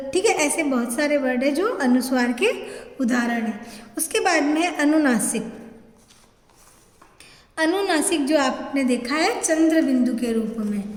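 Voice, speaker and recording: A woman teaches a grammar lesson in a high, clear voice. She repeats each term and keeps checking in with the class. Her voice rings through a roomy space with a long echo. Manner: explains step by step, repeats terms, checks with "thik hai"; asks questions and answers them herself. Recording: echoey room with long reverb.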